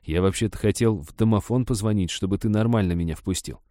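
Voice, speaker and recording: A man voicing a cautious, grumbling male forester who talks gruffly and bluntly in an audiobook story. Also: fairly low pitch, fast talker, dark tone, no echo, studio quality, close to an everyday voice. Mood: gruff wary.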